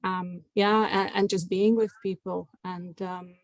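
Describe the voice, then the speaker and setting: A woman's voice: mid-range voice, level tone, slow, dry recording. Woman advocate on a webinar panel, hesitant with lots of fillers, dry close sound. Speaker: health advocacy worker, panelist.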